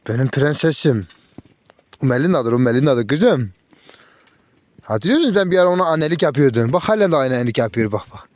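Surrounded by his dogs, a male vlogger who breeds them talks casually to his audience and fondly coos at the pups, his pitch jumping whenever he turns to them. His mid-range voice is darkish and sing-song, a little fast, with frequent pauses.

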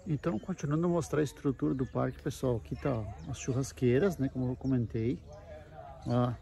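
Walking through a wooded campground, a man vlogs about camping, explaining things casually into a handheld mic with frequent check-in tags. He has a gravelly, dark mid-range voice and talks fairly quickly, and the outdoor handheld audio is noisy.

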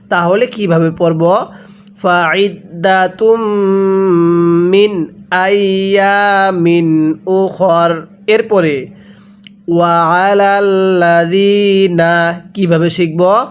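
A man teaching Quran recitation step by step, chanting each word slowly and asking the listener questions he then answers. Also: sits high. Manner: drawn-out chanted recitation between brisk explanations.

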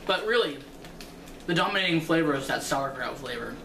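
A man reviewing snack food in a casual vlog, talking with his mouth full while chewing, halting and thinking aloud. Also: on the high side, expressive, far from the mic. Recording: roomy, off-mic with clear background noise.

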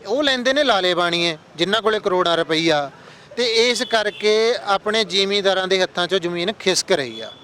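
A man's voice: high voice, animated, moderate pace, pushed and bright, slight background noise. A young man with a Punjabi accent chatting earnestly outdoors, explaining his views to an interviewer. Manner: earnest, explanatory, addresses friends as brother. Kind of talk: casual street chat. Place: outdoors on a street.

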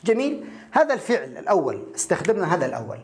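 Animated male teacher, echoey room. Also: high-pitched, racing, a little hiss or hum. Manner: animated, rhetorical questions. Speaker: English teacher. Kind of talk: explanatory lesson.

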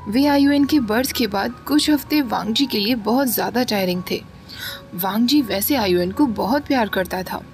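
Woman storyteller, steady read-aloud narration, voice on the high side, soft music underneath. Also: moderate pace. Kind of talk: reading fan fiction aloud. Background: faint background music.

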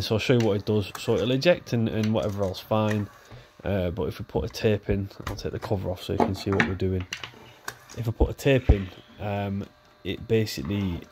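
A lowish-voiced man, nasal and stuffy with a cold, hosts a repair video and explains the job in a relaxed, chatty manner as he works with his hands. Slight background noise can be heard.

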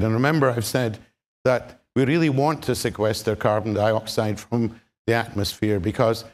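A man with a Scottish accent giving a public science lecture, measured and explanatory, with frequent ums and dry humor. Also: medium pitch. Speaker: chemistry lecturer.

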